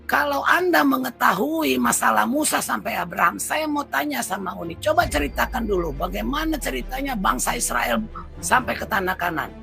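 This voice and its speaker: Firm gravelly middle-aged woman. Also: a little high, expressive, moderate pace, soft background music. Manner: firm, forceful, talks over others. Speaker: caller in debate. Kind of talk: heated online religious debate.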